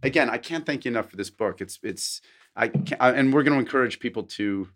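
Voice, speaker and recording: A man hosting a podcast interview, talking in a halting, playful way. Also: mid-range voice, a bit bright. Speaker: podcast host.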